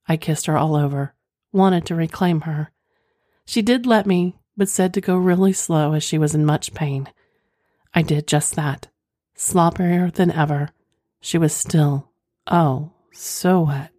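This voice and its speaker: Her voice sits on the low side with a darkish tone, recorded in studio quality without echo. This woman hosts a podcast, reading out a listener's story before shifting into frank, flirtatious conversation.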